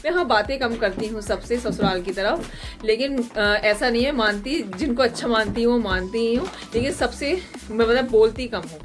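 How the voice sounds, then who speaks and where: A young woman vlogging about her household chores in a casual, chatty way, her voice hoarse from a cold, with faint music behind her. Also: fairly high pitch, moderate pace. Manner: chatty, running commentary on chores. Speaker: family vlogger. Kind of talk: casual home vlog narration.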